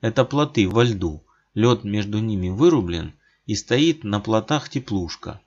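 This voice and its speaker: Man reading a classic novel aloud, lowish voice, steady pace, muffled lo-fi audio. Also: measured pace. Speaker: audiobook narrator. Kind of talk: literary audiobook narration. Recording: dull lo-fi audiobook recording.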